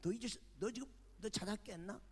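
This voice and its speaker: A man's voice: mid-range voice, moderate pace, vocal fry, mellow, breathy edge. An older man voicing a scornful official who mocks and insults a general, with muttered asides. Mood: sneering. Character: sneering drunk official mocking a general. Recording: echoey church hall.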